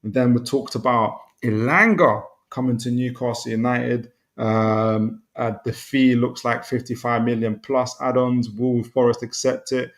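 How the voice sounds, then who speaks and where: Gravelly upbeat male football show host. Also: medium pitch, steady tone, unhurried, hardly any pauses. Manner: upbeat, sums up the show, laughs along. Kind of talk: podcast hosting and football chat.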